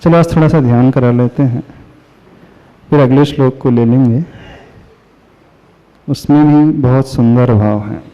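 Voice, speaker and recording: A man, a Jain monk, delivering a devotional sermon, asking his listeners questions and chanting verses slowly. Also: medium pitch, warm tone. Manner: slow, asks the audience questions. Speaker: Jain monk giving a discourse. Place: hall with listeners. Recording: reverberant hall, dull lo-fi sound.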